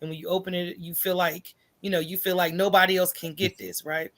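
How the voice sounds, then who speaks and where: With a lowish voice and a slightly quick pace, a middle-aged American woman talks casually as an interview guest about running her coffee shop. She acts out little asides in animated stories and keeps checking in with "right?".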